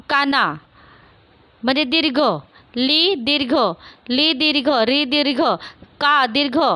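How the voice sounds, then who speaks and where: A woman's voice: fairly high pitch, bright, forceful tone, dry recording. A woman teacher with a Marathi accent explaining a spelling rule step by step, asking questions and then answering them herself. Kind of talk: classroom grammar lesson.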